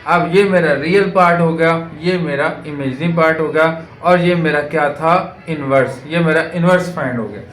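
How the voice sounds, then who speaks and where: Man teaching math at a board, slightly high voice, patient step-by-step explaining, echoey room, faint hiss. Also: normal speed, few pauses, fairly bright tone. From Pakistan. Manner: patient, step-by-step, asks rhetorical questions. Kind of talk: board lecture solving exercises.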